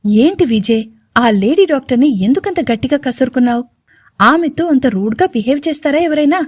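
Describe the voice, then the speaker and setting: A woman's voice: high voice, expressive, normal speed, warm tone, no echo, studio quality. A woman voicing a caring, anxious young wife in a storybook, speaking in a pleading way. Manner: pleading, worried.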